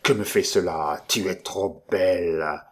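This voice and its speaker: A man voicing a brutal, drunken foreign duke who growls and roars rough oaths in an audiobook. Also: low voice, slow pace. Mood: growling. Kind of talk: audiobook character voice.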